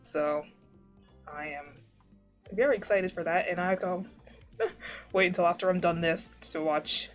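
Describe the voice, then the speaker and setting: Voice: mid-range voice, steady tone, measured pace, long pauses. Streamer rambling at home, lots of ums, warbly suppressed mic, faint music behind. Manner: rambling, many fillers and restarts. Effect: warbly noise-suppression artifacts. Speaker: livestreamer. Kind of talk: casual stream chat while drawing.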